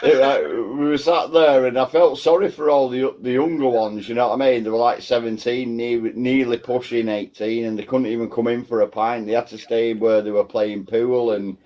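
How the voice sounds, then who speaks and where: A man's voice: mid-range voice, fairly even intonation, normal speed, hardly any pauses, dark tone, highs cut off. A man chatting casually with friends. He rambles and keeps saying "you know what I mean.".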